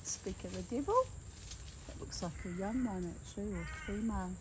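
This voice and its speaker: A woman's voice: medium pitch, expressive, normal speed. An Australian woman chatting casually and cooing baby talk to pet birds, with effusive, theatrical endearments. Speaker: bird owner filming a home video. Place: outdoors in a garden at home. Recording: insect and bird noise outdoors.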